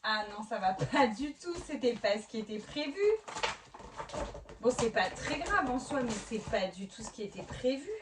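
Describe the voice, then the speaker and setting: Chatty mum unboxing, slightly high voice. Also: female voice, lively intonation, normal speed. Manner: chatty and exclamatory, with lots of restarts and asides. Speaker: family vlogger unboxing a haul. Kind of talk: casual unboxing chat. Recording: mic at a distance with clear background noise.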